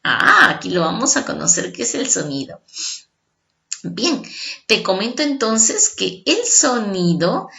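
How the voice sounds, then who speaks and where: A woman teacher giving a lesson to children, expressive and checking often with her class. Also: medium pitch, a little slow, vocal fry. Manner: expressive, keeps asking the class to confirm.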